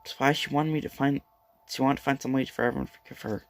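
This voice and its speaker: A man's voice: medium pitch, fast. A man streaming, reading manga narration aloud plainly.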